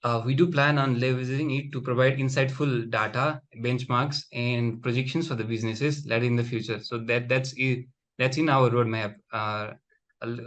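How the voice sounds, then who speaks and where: Earnest young man pitching a startup. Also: a bit bright. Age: young adult.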